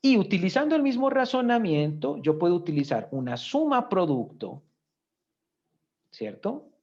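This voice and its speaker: Husky male teacher, lively explaining tone. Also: high-pitched, normal speed, dull audio. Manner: explanatory, often checks in with "¿cierto?". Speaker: economics teacher. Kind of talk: recorded lecture with spreadsheet walkthrough.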